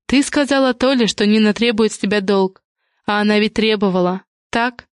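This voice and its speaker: A woman voicing a shrewd, sharp-tongued female friend who probes and insinuates, in an audiobook. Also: medium pitch, steady tone, normal speed, clean tone, no room sound, studio quality, lightly acted. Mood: probing. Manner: probing, insinuating. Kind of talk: audiobook character reading.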